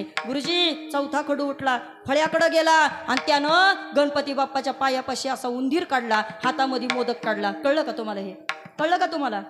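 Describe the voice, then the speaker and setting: A woman's voice: high-pitched, close to an everyday voice. A woman voicing a stubborn, devout young schoolboy who pleads earnestly with his teacher.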